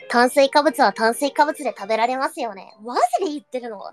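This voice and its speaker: A woman live streamer in casual chat, reading viewer comments and reacting with quick surprised asides, speaking standard Japanese with occasional Kansai dialect slipping in. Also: a little high, soft background music.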